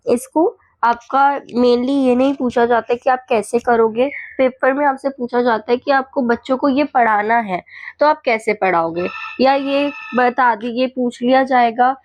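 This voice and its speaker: A woman teacher covers exam revision at speed, running through definitions and regularly asking whether her class is with her. Her pitch is fairly high, and the recording is dry.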